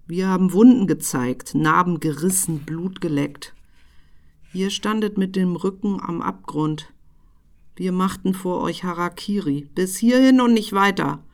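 A woman with a fairly low voice gives a slow poetry recital. Her rhythmic delivery breaks into sudden loud bursts and whispered phrases.

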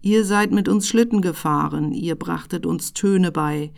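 Reciting poetry slowly, a woman with a lowish, gravelly voice keeps a rhythmic flow that erupts into sudden loud bursts and drops into whispers.

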